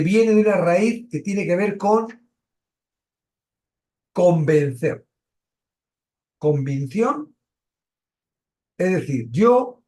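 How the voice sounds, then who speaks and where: Man, Bible study teacher, lively pitch, fairly high voice. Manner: questioning, emphatic, pauses and restarts.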